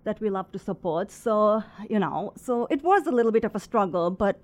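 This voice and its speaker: A Sri Lankan woman in her thirties appears as a guest in a casual interview, chatting about her craft business as a resin artist and small business owner. Her mid-range voice is animated and moves at a moderate pace, full of fillers and little laughs between phrases.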